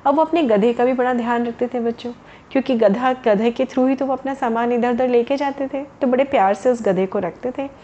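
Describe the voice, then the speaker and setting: A woman's voice: on the high side, brisk, warm tone, muffled recording. A woman storyteller narrating a tale to children, explaining words as she goes and addressing them directly.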